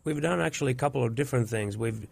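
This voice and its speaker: A man's voice: medium pitch, fast, creaky, breathy edge, dry recording. A man from Finland, a church music producer thoughtfully answering interview questions. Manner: thoughtful, searching for words.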